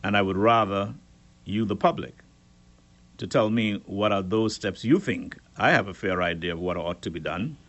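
A man hosting a call-in radio show, speaking in a measured way with frequent pauses and fillers. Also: on the low side, a bit bright, lo-fi sound, a little hiss or hum.

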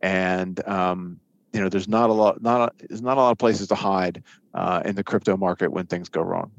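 A man with a fairly low voice gives conversational expert analysis as an interview guest. The sound is dry and close. He talks haltingly, circling back to repeat words as he builds each point. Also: steady tone, gravelly, no echo, lo-fi sound. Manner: halting, repeats and restarts words mid-thought. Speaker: financial markets editor, interview guest.

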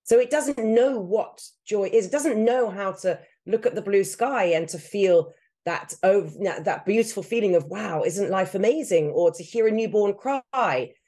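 A woman's voice: medium pitch, moderate pace, dark tone. A woman co-hosting a podcast in casual chat, explaining ideas earnestly and circling back to build her points. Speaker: podcast co-host and coach.

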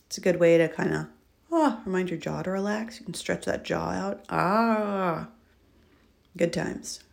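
A woman leading a guided breathing and relaxation exercise, giving gentle instructions with candid, informal asides. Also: fairly low pitch, a little slow, vocal fry.

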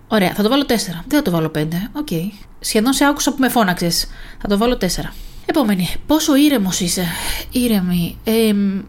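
A woman's voice: medium pitch, a little mellow. A young woman hosting a casual solo podcast, chatty and self-mocking as she talks straight to the listener. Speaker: podcast host.

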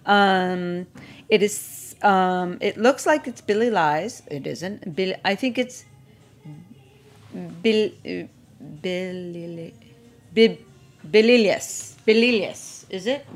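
A woman's voice: fairly low pitch, slow pace, faint music behind. A woman who is a cake designer, chatting as a guest on a radio show in a playful, enthusiastic way. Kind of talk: casual radio interview chat.

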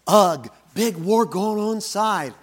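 A man's voice: high voice, lively intonation, slow pace, exaggerated voice. A man voicing an old male chief who speaks in terse, clipped phrases. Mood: grave.

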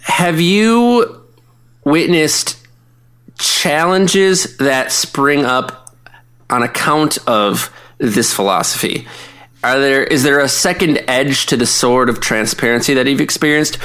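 A man hosting a podcast, asking articulate, measured questions in casual conversation. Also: mid-range voice, fairly bright tone, clean tone. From Minnesota, USA. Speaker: podcast co-host.

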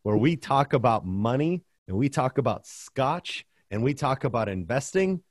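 A man hosting a casual podcast, joking and animated as he talks over a video call. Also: mid-range voice, moderate pace, dry recording, clean studio sound. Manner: animated, joking, sings the intro. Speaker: podcast host.

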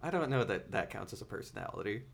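A man's voice: on the low side, expressive, quick pace, vocal fry, a little hiss or hum. A man appearing as a guest on a movie podcast, making dry, wry remarks in casual chat.

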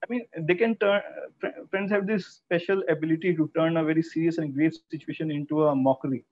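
Young male, North Indian accent, fairly high voice, halting interviewee recounting personal experience, thin telephone-grade audio. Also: fairly even intonation, no echo. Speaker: interview guest, cancer survivor. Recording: thin, phone-like call audio.

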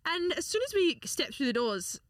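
A young woman with an Australian accent, co-hosting a podcast and telling animated stories with frequent laughs. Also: very high voice, normal speed, no room sound, studio quality. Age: young adult. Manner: animated storytelling, laughs often. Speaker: podcast co-host. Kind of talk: casual chat.

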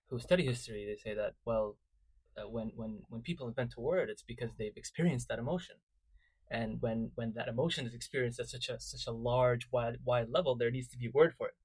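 Measured mid-pitched man, explaining things. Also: a little mellow, breathy edge, no echo, low-quality recording. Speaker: discussion panelist. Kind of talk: casual group conversation.

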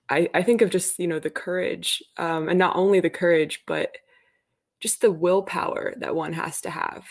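Lower-voiced woman interviewer. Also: vocal fry. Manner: thoughtful, measured questions with fillers. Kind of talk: conversational interview.

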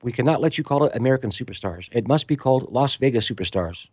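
Man putting on a stern military officer, loud, clipped, raised voice, dry muffled sound. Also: mid-range voice, lively intonation, fast talker, no room sound, close to an everyday voice. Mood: stern announcing. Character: stern male foreign military officer making an announcement.

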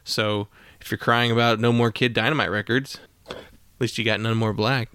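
A man with a bright, forceful tone and a smooth, crisp voice leads a casual podcast chat. He rambles in a relaxed way and laughs easily. The sound is close and dry. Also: on the low side, normal speed, no room sound. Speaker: podcast host.

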